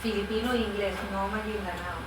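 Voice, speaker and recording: In a brisk, steady, medium-pitched voice, a woman explains her job translating the Bible as a missionary, patient and conversational, with fillers and occasional corrections. Her interview is picked up by a distant mic in a roomy space with background noise.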